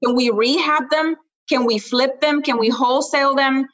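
A woman from Honduras, a guest entrepreneur, talking quickly and casually in an interview with many fillers. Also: sits high, a bit bright, dull audio.

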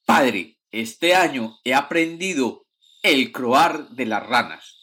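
A fearless young man answers plainly and calmly, as a man reads him in a children's story. His tone is bright and matter-of-fact. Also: mid-range voice, slow, exaggerated voice. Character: foolish but fearless young son of a count.

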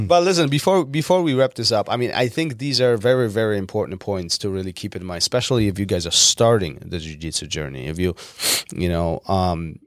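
Low-voiced man in earnest podcast chat. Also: moderate pace, dry recording, clean studio sound. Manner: rambling, earnest, many restarts and fillers. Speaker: podcast co-host.

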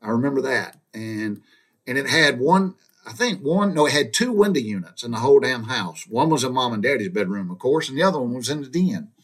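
A Georgia man with a Southern accent tells his own childhood stories in a folksy, meandering way, often restarting sentences and drifting into asides. His mid-range voice is brisk, with big pitch swings, in casual spoken storytelling.

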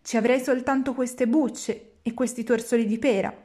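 A woman voicing a patient, kindly old man, a poor father, speaking lower and softer. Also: steady tone, moderate pace, close to an everyday voice.

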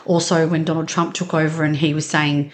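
A woman's voice: low voice, level tone. Chatty Australian woman podcast host. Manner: chatty and candid, quick asides and restarts. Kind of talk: casual conversational podcast.

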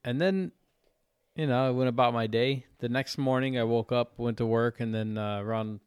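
A man's voice: medium pitch, fairly even intonation, normal speed, clean tone, no room sound. Male podcast co-host, dry close mic, easygoing crude storyteller. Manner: laid-back storytelling, crude humor. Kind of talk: casual chat.

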